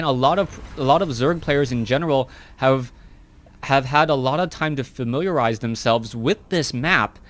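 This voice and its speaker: A man giving live play-by-play commentary on a strategy video game, chatty and often correcting himself mid-sentence. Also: mid-range voice. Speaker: esports caster.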